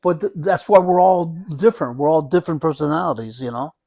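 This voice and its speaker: Halting, higher-voiced man in a dry room. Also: gravelly, mellow, no echo. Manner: halting, repeats and rephrases phrases, often checks "you know". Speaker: hospice nurse being interviewed. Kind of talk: conversational interview, personal reflection.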